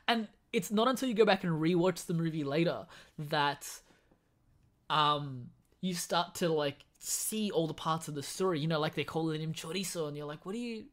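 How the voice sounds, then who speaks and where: A mid-pitched speaker on a film podcast, breaking down storytelling choices with real enthusiasm. The talk is analytical yet animated, in a casual conversational flow. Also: moderate pace. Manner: animated, switches into mimicking characters. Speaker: guest podcast host.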